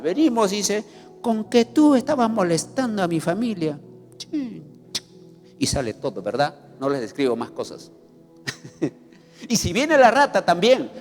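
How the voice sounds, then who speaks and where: Male pastor, high lively pitch, emphatic sermon delivery, long church reverb with faint music. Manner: emphatic preaching, sweeping pitch, acts out scenes. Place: church hall.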